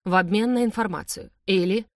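A woman's voice: medium pitch, a little fast, a little mellow, no echo, clean studio sound, far from the mic, natural voice. A woman voicing a powerful man who speaks dryly, with sarcasm and curt commands. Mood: cold sarcastic.

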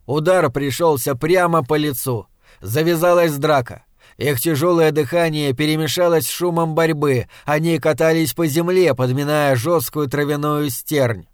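A man narrating an audiobook in a measured, dramatic storytelling manner. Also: fairly high pitch, no echo, studio quality. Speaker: audiobook reader. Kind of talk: scripted narration.

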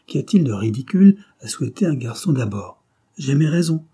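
A naive young woman from a storybook, earnest and a little plaintive, as a male reader puts her on. The voice sits higher than his own but keeps his dark, husky timbre. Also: sing-song, brisk, heavily acted.

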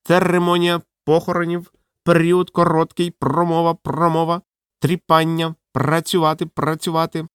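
A man voicing a strange talking parrot that repeats clipped words slowly, as an audiobook character. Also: a little high, monotone, fairly bright tone, smooth, no room sound, voice pushed up, lightly acted. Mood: cryptic.

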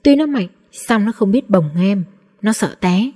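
A woman narrating a novel aloud in a steady, measured storybook reading. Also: medium pitch, husky, soft background music. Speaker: audiobook narrator.

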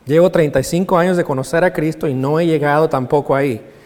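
A male pastor preaching a sermon with passion, swinging from hushed lines to loud exclamations. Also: a little high, fairly even intonation, fast talker. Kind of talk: Spanish-language sermon. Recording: long reverb of a large hall.

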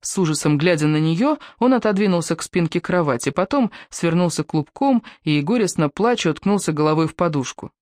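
A woman narrating an audiobook in an even, measured storytelling manner. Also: lowish voice, no room sound, clean studio sound. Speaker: audiobook reader. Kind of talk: scripted narration.

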